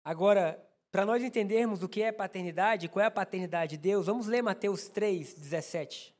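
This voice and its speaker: A pastor with a Brazilian Portuguese accent preaches to his congregation in a very high voice for a man. He tells a personal story with humor and speaks straight to the listeners. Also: moderate pace, darkish tone. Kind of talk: sermon.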